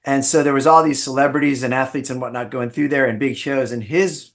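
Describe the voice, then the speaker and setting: A middle-aged man at a mid-range pitch, spinning loose, anecdotal stories about his childhood. He restarts sentences often and drifts between details as he chats with a host. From Bahamas-born, raised in South Florida. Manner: rambling anecdotal storyteller with frequent restarts. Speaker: podcast guest, ER physician. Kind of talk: casual storytelling interview.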